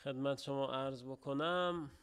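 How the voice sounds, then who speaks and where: A middle-aged man giving a religious lecture, speaking haltingly with pauses and restarts, then rising to emphatic stresses. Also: mid-range voice, clear, resonant tone.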